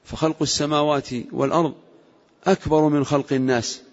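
A man's voice: on the high side, little pitch movement, fast. A man teaching a classroom lesson on Quranic exegesis, explaining carefully and quizzing his students on grammar. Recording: lo-fi recording in a reverberant hall.

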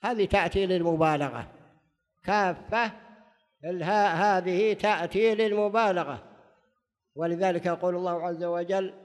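High-voiced preacher in a reverberant hall. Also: male voice. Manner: slows to recite scripture, asks and answers his own questions. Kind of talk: religious lesson.

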